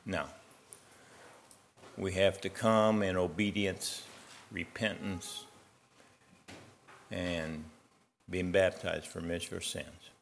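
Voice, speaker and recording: A man's voice: deep voice, steady tone, slow, gravelly, long pauses, a little hiss or hum. A man preaching a sermon to a congregation, telling a story and acting out its characters. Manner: storytelling with rising emphasis, voicing characters in a joke.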